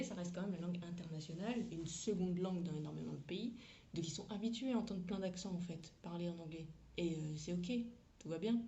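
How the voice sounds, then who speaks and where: A woman's voice: fairly low pitch, warm tone. A woman English teacher talking casually in a podcast, chatty and frank, laughing often and using crude slang.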